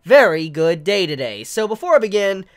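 A flu-stricken young man in his twenties talks to camera about a manga chapter, rambling and tripping over made-up words as he sounds them out. His high voice is very animated and clean-toned at a normal speed, and he's indoors in a living room with a couch.

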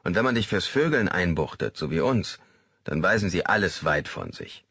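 A seasoned male jailbird with a sonorous, knowing delivery, low and husky, as a man reads him. An audiobook voice, close and dry. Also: big pitch swings, normal speed, a bit bright, no echo, full character voice. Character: veteran male jailbird, sonorous and world-weary.

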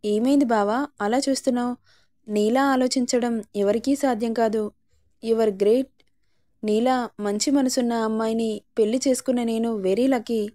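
A woman voicing a loving young husband in a storybook reading, teasing and affectionate by turns, sharp when he feels his wife is wronged. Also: fairly high pitch, fairly even intonation, unhurried, lightly acted. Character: young man, loving husband, playful and protective.

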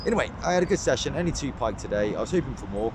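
An excitable young man rambles about his catch in a casual vlog, speaking to a camera set on the bank beside an outdoor ditch. His voice sits at an ordinary middle pitch, with a faint hiss of open-air noise behind him. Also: very fast. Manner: excitable, rambling, lots of fillers. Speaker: angling vlogger.

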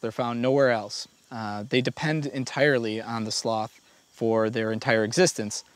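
A man's voice: mid-range voice, fairly even intonation, normal speed. A male researcher explaining things plainly in an interview out in the field. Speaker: research scientist. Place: outdoors in rainforest.

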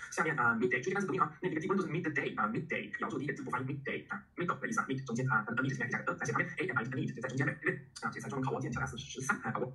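A middle-aged man lectures on English vocabulary at a rapid clip, his voice bright and forceful. He is animated and chatty, stopping often to spell words out letter by letter for his students. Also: mid-range voice, low-quality recording. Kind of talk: lively classroom lecture.

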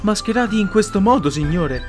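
A man voicing a fussy, bewildered young male hobbit servant in a high, squeaky, indignant voice. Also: lively intonation, fairly quick, music in the background.

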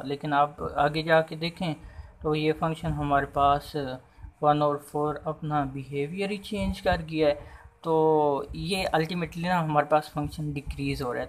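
A man explains a math lesson at a deliberately unhurried pace, working through each step out loud. He keeps posing rhetorical questions to his listeners as he goes. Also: a little high. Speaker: math teacher.

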